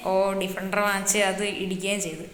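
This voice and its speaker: A woman's voice: mid-range voice, fairly even intonation, fast, fairly bright tone, lightly acted. A woman voicing an easygoing adult man, showing off his city in a game role-play with a boastful, teasing big-brother tone. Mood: casual. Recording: echoey roomy reverb.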